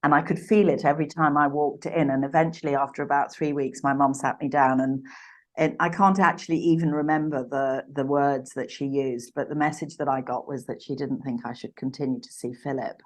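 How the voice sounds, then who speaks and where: A woman in her sixties from Uganda, a podcast guest telling her life story in a reflective, halting way with frequent restarts. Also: very deep voice, steady tone. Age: 60s. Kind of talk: personal storytelling in a podcast interview.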